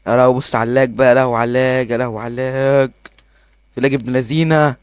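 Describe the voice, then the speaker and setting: A man with an Egyptian accent giving excitable gameplay commentary, laughing often and talking to himself as he plays. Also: medium pitch, rapid-fire, smooth, no echo. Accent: Egyptian Arabic. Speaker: gaming YouTuber.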